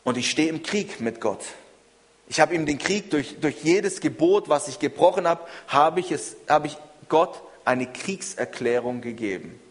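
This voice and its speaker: Male preacher, earnest sermon delivery, slightly high voice, long hall reverb. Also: expressive. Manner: earnest, measured preaching with repeated phrases.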